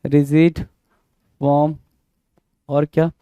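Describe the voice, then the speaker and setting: Man drilling vocabulary in a dry, mellow voice. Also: a little high, flat delivery, slow, clear, resonant tone, no room sound, muffled recording. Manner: repetitive, spells words letter by letter, quizzing the viewer; mixes Hindi and English. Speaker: English vocabulary teacher. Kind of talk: exam-prep vocabulary lesson.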